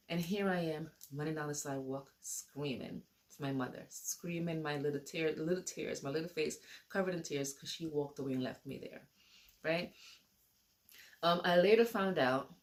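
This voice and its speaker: A woman telling a personal story to camera in a casual, rambling way, repeating and restarting her sentences. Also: low voice.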